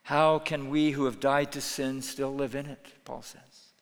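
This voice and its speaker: A man preaching a sermon as pastor, earnest, moving between hushed pleading and raised intensity. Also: medium pitch, flat delivery, a little slow, big-room sound. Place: church sanctuary.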